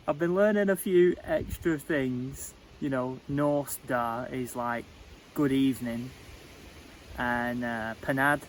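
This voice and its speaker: A man vlogging casually about his cottage renovation, rambling and halting with lots of fillers, outdoors at his building site. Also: mid-range voice, a little hiss or hum, poor audio. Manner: rambling and halting, with many fillers, self-described as muddling his words. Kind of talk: casual chat to camera.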